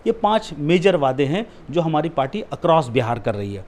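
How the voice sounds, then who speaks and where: A man in his thirties, a political candidate, arguing forcefully in a heated interview and getting loud when challenged. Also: a little high, very animated, normal speed. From India.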